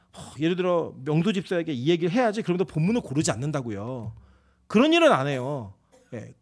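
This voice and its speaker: Animated Korean pastor in his forties. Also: sits high. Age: 40s. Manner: animated, conversational preaching with quoted asides. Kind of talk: sermon. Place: church sanctuary.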